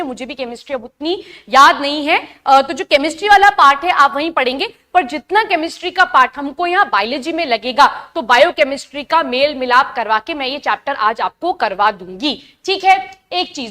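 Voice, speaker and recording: A young woman giving a live online biology lesson, chatty and asking her students questions, reading textbook lines slowly before explaining them. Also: high voice, pushed and bright. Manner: reads English textbook lines slowly, then explains in Hindi. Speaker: biology teacher. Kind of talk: live online class lecture.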